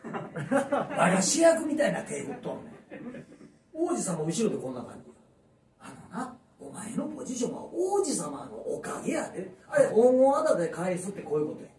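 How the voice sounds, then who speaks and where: A man's voice: sits high, normal speed. A man in his fifties with a Kansai accent doing a stand-up comedy monologue, telling a story and acting out voices. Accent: Kansai Japanese. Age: 50s. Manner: lively storyteller who acts out voices. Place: small underground live venue. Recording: echoey room from far off.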